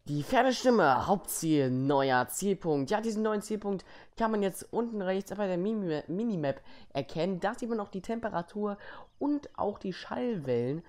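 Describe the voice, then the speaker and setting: A man's voice: high-pitched, normal speed, a little mellow. A young man giving casual let's play commentary in an informal, slangy way. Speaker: let's player.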